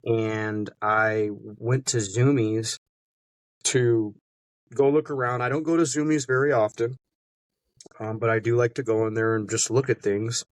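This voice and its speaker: A man from Montana tells his story on a podcast, casual and animated, and his voice jumps in pitch when he acts out what others said. His voice sits in a middle range. The recording is dead dry and close. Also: measured pace, no room sound. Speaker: podcast guest.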